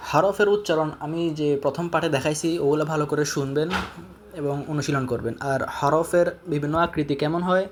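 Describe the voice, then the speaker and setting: A man's voice: on the high side, moderate pace, a little hiss or hum. A man teaching Arabic letter pronunciation in Bengali, patiently repeating each sound for learners. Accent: Bangladeshi Bengali. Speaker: Quran reading teacher. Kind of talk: step-by-step lesson on Arabic letters.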